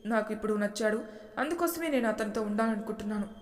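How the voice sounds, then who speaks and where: A woman's voice: mid-range voice, quick pace, roomy sound, big-room sound, lightly acted. A woman voicing a defiant young wife who speaks curtly and coldly.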